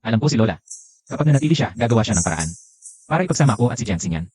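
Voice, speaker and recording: A man's voice: mid-range voice, big pitch swings, racing, a little mellow, husky, no echo, studio quality, soft background music. An actor dubbing a nervous young CEO husband who tries to placate his grandmother. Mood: flustered. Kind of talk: dubbed drama acting.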